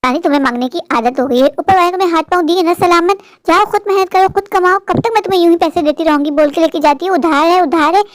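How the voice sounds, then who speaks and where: A woman's voice: very high voice, fairly even intonation, quick pace, hardly any pauses, dry recording, studio quality. A woman doing a scornful rich lady boss. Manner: contemptuous, lecturing. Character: harsh, scolding wealthy woman employer. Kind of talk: cartoon voice-over.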